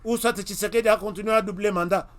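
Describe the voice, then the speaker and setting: A man's voice: sits high, fairly even intonation, quick pace. A Congolese man hosting his own web TV channel, talking straight to his viewers in an emphatic commentary monologue full of repeated warnings. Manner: emphatic, repeats warnings, addresses listeners directly. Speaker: web TV host.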